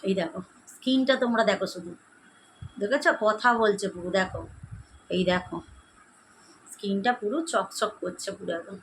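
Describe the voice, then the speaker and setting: A woman's voice: mid-range voice, moderate pace, long pauses, a little hiss or hum, low-quality recording. A young woman vlogger talking viewers through a skincare routine at home, chatty and friendly, calling them friends as she demonstrates. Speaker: beauty vlogger. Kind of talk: casual skincare tutorial. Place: at home, indoors.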